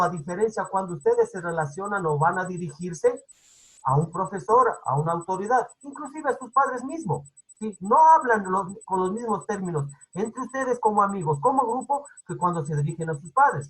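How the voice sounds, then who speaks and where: A teacher with a Quito highland accent, giving an online class lecture and explaining patiently while constantly checking in with the students. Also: sing-song, moderate pace, a bit bright, breathy edge, poor audio. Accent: Quito highland Spanish. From Ecuador.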